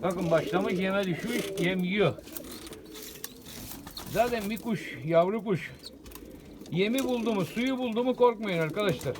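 A man's voice: sits high, a little slow, pauses often, background noise. Chatty man at his pigeon loft. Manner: chatty, repeats words, calls viewers "friends". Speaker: pigeon keeper vlogger. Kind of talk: casual outdoor vlog talking to viewers. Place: outdoors at a pigeon loft, birds cooing.

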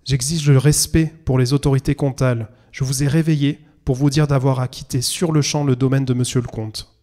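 A stern, officious young man who lays down the rules of the castle, as a man reads him aloud in a storybook reading. The voice sits mellow and warm, with no strong change from the reader's own. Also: mid-range voice, fairly even intonation, fairly quick, close to an everyday voice. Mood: indignant. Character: haughty young man, castle porter's son.

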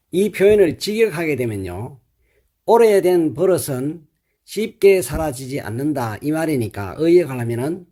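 A male English teacher with as his walks through everyday phrases at a slow, unhurried pace. His pitch rises and falls a lot as he explains, and his tone is mellow and dark. He sets out each point patiently for learners. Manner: slow, deliberate drilling of phrases, repeating each several times; explanatory, instructive delivery.

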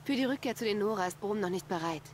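An actress voicing a young woman hunter and heroine in a video game, speaking in a calm, composed, reassuring way. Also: medium pitch, fast talker, slight background noise, close to an everyday voice.

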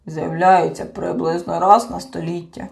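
Woman doing a calm, steady wanderer creature. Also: fairly low pitch, measured pace, vocal fry. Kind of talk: audiobook character voice.

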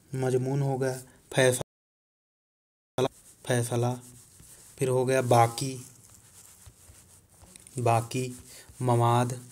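A man teaching a lesson, reading a word list slowly and saying each word twice. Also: mid-range voice, a little mellow. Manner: slow, repeats each word twice while writing on a board.

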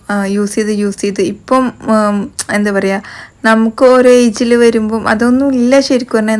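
A woman's voice: mid-range voice, darkish tone. A woman, chatting casually through her home cooking vlog. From Kerala. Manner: chatty, tags sentences with "you know". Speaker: vlogger. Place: home kitchen.

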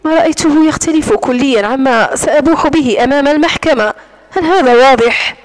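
A domineering wealthy man who sneers and taunts, voiced by a woman narrating an audiobook. He speaks coldly and controllingly, and the voice stays quite high. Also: fairly quick, lightly acted, rough recording. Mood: mocking. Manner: mocking, cold and controlling.

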